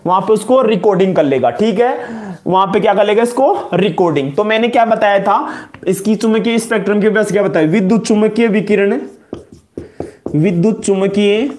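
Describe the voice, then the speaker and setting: Rajasthani-accented male lecturer, higher voice, drilling terms by repetition, classroom at the board. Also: a little mellow. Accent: Rajasthani-tinged Hindi. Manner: repetitive call-and-response questioning, calls students "beta". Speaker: college chemistry lecturer.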